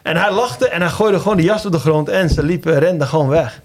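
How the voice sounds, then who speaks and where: A man's voice: a little high, fast talker. A man who runs a menswear shop, telling an anecdote in casual podcast chat with lots of fillers.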